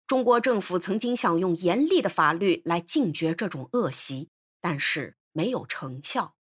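A woman narrating a novel in an expressive, animated storytelling voice. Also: fairly low pitch, normal speed, breathy edge.

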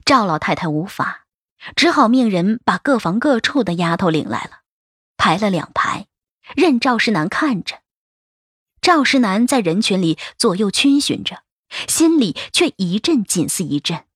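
Woman reading a novel, husky voice, dry close sound, steady pace. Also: medium pitch, unhurried, no room sound. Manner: steady, even storytelling. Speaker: audiobook narrator. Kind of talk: scripted narration of a novel.

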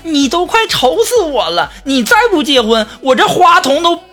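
A man voicing a nagging little schoolgirl niece in a high childish whine, over background music. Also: big pitch swings, normal speed, sharp tone, heavily acted. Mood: pestering.

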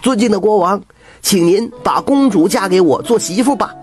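A man doing a high, cocky little frog. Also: expressive, moderate pace, soft background music. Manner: chirpy, bold and sure of himself. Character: cheeky young frog who wants a princess.

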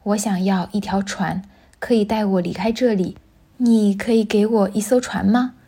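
A woman's voice: mid-range voice, fairly even intonation, moderate pace, dark tone, breathy edge. A woman voicing a boy who grows into a tired old man in a storybook reading, speaking plainly and wearily. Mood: weary. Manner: plain, weary.

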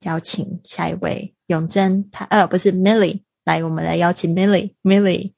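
Effusive woman host, husky creaky voice. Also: lowish voice, steady tone, normal speed, a little mellow, dry recording. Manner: effusive, praising. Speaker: host of online club session. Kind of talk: informal hosting with encouraging remarks.

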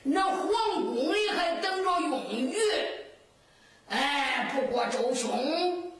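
A woman's voice: sits high, expressive, slow, a bit bright, pitched above the performer's own voice, heavily acted. A woman with a Henan accent voicing a boastful, tipsy male imperial horse keeper in a half-sung folk storytelling style. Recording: echoey, distant, noisy live recording.

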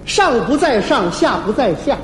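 A man's voice: extremely high pitch, very animated, moderate pace, a bit bright. A man performing stage crosstalk comedy, slyly quizzing his partner with teasing riddles. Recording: echoey hall with faint hiss.

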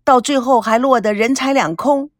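Woman playing a flustered sharp-tongued young woman. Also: sits high, moderate pace, no room sound, clean studio sound, natural voice. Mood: scolding. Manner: sharp, scolding, defensive.

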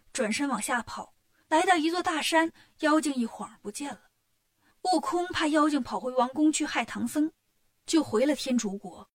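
A woman reading a children's story aloud in a lively, expressive storytelling manner. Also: high-pitched.

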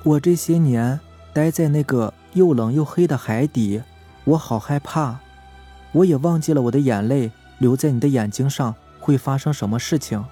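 A man's voice: mid-range voice, breathy edge, natural voice. A man voicing a sorrowful drowned ghost girl. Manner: soft, plaintive, confessing. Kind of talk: horror story narration.

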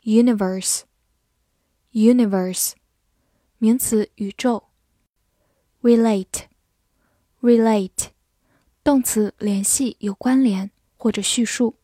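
A woman's voice: a little high, steady tone, measured pace, few pauses, mellow, husky, no echo, studio quality. A woman teacher reviewing vocabulary, saying each English word twice and then listing its parts of speech and meanings.

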